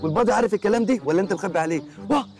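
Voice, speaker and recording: A man's voice: high voice, racing, a little mellow. An actor with an Egyptian accent playing a cheeky young man who mocks his friend with jokes and puns in a TV sitcom. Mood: mocking. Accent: Egyptian Arabic. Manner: mocking, jokey. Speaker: sitcom character. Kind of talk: TV sitcom acting.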